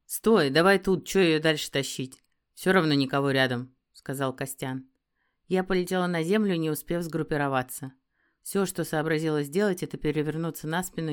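A woman's voice: low-pitched, darkish tone. A woman narrating a first-person fantasy audiobook in a dramatic, emotive reading.

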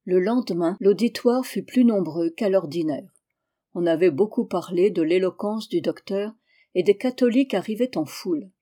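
A woman reads a history book aloud as audiobook narration. Her tone is mellow and darkish, at a middle pitch. She reads steadily and evenly. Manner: steady measured reading. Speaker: audiobook reader.

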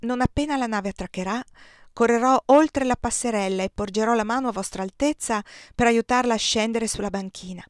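A woman's voice: a little high, dry recording, clean studio sound, lightly acted. A woman reading the lines of a formal young male count who serves as a courtier in an audiobook. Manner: polite, brisk instructions.

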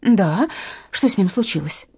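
A woman's voice: medium pitch, expressive, measured pace, darkish tone, breathy edge, no room sound, clean studio sound, full character voice. Snappy, irritable Zhanna, read by a woman. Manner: snappy, indignant.

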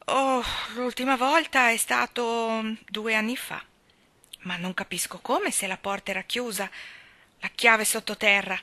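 A woman's voice: fairly high pitch, steady tone, unhurried, pushed and bright. A woman voicing an old loyal gardener. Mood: earnest. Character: old male gardener, loyal and plain-spoken. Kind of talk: audiobook reading of a children's novel.

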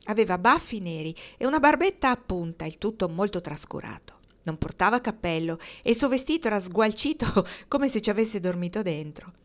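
A woman reading a novel aloud in a measured, expressive storytelling manner. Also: medium pitch. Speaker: audiobook reader.

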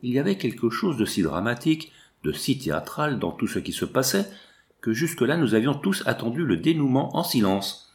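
A man reading a novel aloud in a measured, descriptive narration. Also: mid-range voice, sing-song. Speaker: audiobook narrator.

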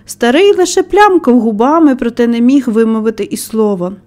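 A woman reading a children's novel aloud as audiobook narrator, with expressive storytelling. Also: on the high side, normal speed. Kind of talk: scripted narration.

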